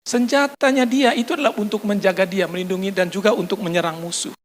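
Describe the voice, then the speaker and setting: A man's voice: sits high, steady tone, fast talker. A man with an Indonesian accent preaching a sermon, telling a personal story with fillers and acting out the lines of others. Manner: storytelling, acts out dialogue, frequent fillers. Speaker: pastor. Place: restaurant used for a Sunday service.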